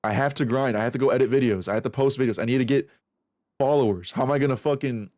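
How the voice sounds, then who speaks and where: In a dry, clean studio recording, a man in his twenties chats on stream late at night while aim training. A fast talker with a darkish mid-range voice, he rambles profanely and self-reflectively about practice, pressure and backup plans, restarting frequently.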